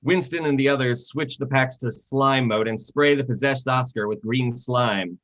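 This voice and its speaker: A man's voice: medium pitch, moderate pace, fairly bright tone. Lo-fi man narrating stage directions. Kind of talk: reading screenplay stage directions. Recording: dull lo-fi sound.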